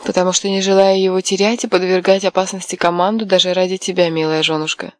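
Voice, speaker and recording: A woman's voice: fairly low pitch, little pitch movement, fast, no room sound, natural voice. A woman voicing a stern male ship owner in an audiobook, curt and commanding.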